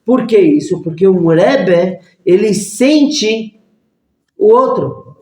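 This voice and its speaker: A man, a rabbi teaching a lesson through lively stories and acted-out voices. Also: high voice, slow. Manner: animated storyteller acting out voices. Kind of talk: storytelling lesson. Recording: echoey room.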